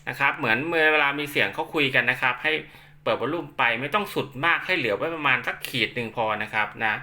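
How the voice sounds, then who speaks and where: Talking fast in a mid-range voice that sounds pushed and bright, a man demonstrates equipment as an instructor. His tutorial is casual and hands-on, moving step by step, and he keeps repeating polite particles.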